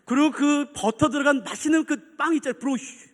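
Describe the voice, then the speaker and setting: A male pastor preaching a sermon in a large church, telling an anecdote and acting out its people with sudden shouts. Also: very high-pitched, a little fast. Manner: animated storytelling, acting out characters with shouts. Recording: long church reverb.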